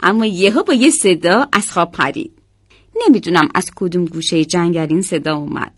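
A woman telling a story to children, animated and asking them questions as she goes. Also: on the low side, dry recording, studio quality.

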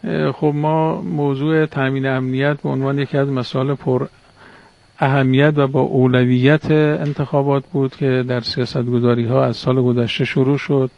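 A male official speaks in a gravelly, flat voice, formal and deliberate in his phrasing. The sound is dull and muffled like a remote line. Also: mid-range voice. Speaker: government official. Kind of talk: official statement on air.

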